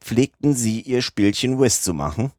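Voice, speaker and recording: A man's voice: medium pitch, animated, moderate pace, darkish tone, no echo, studio quality, voice pushed up, natural voice. A man voicing a determined male police agent in a read-aloud storybook, speaking firmly. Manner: firm, persuasive.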